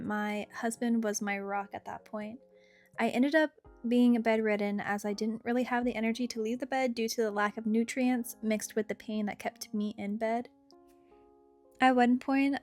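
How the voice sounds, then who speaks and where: A young adult woman telling a personal story in a casual, chatty, conversational way. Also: fairly high pitch. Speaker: storyteller narrating own experience. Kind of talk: casual story time narration. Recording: guitar music behind the voice. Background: guitar music.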